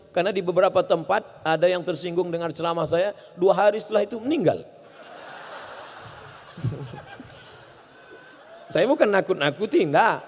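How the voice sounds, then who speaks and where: A man preaching a humorous sermon, telling stories and acting out voices and sounds. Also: sits high. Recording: reverberant hall.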